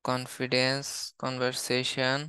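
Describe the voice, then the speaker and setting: Bangladeshi male English teacher, slow flat word-by-word listing, bright crisp close sound. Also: mid-range voice, dry recording. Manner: steady, listing words one by one. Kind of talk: reading out a word list in a lesson.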